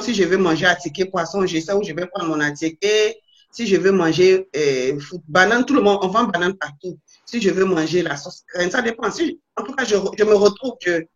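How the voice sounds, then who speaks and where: Woman guest chatting fast and lively, lots of restarts, kinda dull lo-fi audio. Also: fairly low pitch. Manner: animated storytelling, restarts often. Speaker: guest, immigrant to Canada. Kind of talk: casual interview. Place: Montreal.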